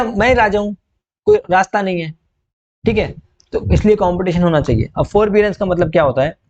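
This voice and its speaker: A young male lecturer with a slightly high voice talks through a recorded exam-prep class, joking and checking in with his students as he goes. He slips English terms in with an Indian accent. The recording sounds dull and lo-fi. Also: darkish tone. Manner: chatty, joking, asks students questions.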